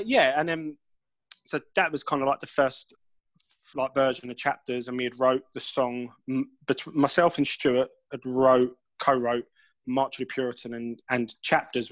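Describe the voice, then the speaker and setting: A man's voice: mid-range voice, fairly bright tone, rough recording. A man, a musician guest telling rambling, laugh-filled stories and swearing freely. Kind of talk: casual storytelling interview.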